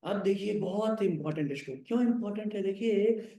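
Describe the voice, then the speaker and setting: A male preacher giving a sermon. He chants scripture verses slowly, then explains them with rising emphasis and slips English words into his talk. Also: sits high, warm tone. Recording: echoey hall.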